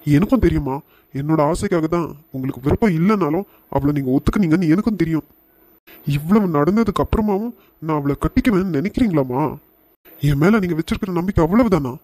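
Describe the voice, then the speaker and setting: A man's voice: fairly high pitch, warm tone, no room sound, lightly acted. A man voicing an earnest, devoted young son. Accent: Tamil. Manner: earnest, pleading.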